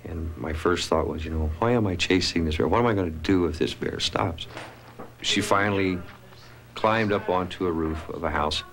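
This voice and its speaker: A man's voice: sits low, normal speed, fairly bright tone. A man in a TV interview recounting an incident he handled as an officer. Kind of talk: interview recollection. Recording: music under the voice. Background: music.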